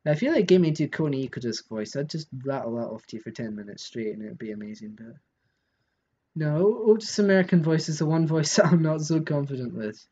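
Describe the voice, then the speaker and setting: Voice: mid-range voice, animated, fairly quick, dark tone, slightly rough, highs cut off. A live streamer giving casual commentary while playing a game, thinking aloud and answering chat.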